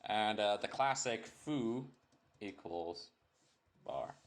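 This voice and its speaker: A young programming tutor whose first language is English records a casual screen-capture tutorial, wandering off track, fixing his own mistakes and joking along the way. His voice sits on the low side, animated yet slow.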